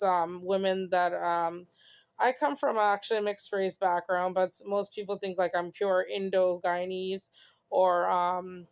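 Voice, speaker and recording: A young Canadian woman hosts her own show, delivering an earnest, rambling personal monologue full of "you know"s. Her voice is fairly low and darkish, clear and resonant, and her manner is reflective.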